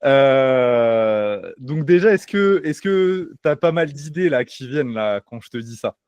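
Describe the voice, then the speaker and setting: A man's voice: mid-range voice, lively intonation, slow pace, a little mellow, clear, resonant tone, no echo. A man hosting a casual podcast, talking loosely with many fillers and restarts. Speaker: podcast host. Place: home by the sea.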